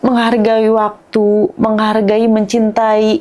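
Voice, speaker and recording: Young woman, tearful, halting, searches for words, emotional interview guest. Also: fairly high pitch, monotone, darkish tone. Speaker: podcast guest, bereaved mother.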